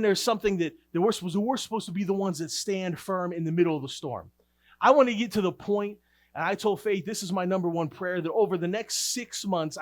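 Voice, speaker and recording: A man preaching a sermon as pastor, emphatic, often restarting and repeating words as he builds up his points. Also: on the high side.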